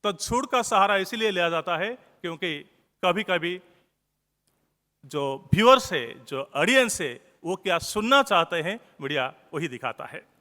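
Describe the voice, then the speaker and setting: A man's voice: high-pitched, animated, measured pace, pushed and bright. A man with an Odia accent, a news editor giving an earnest conference speech and repeating key phrases for emphasis. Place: large conference hall. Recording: long hall reverb.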